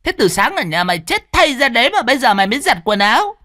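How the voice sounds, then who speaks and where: A man voicing a cruel young stepmother who screeches abuse in a shrill voice. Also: normal speed, fairly bright tone, clean tone, no echo, studio quality, lightly acted. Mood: shrieking, furious.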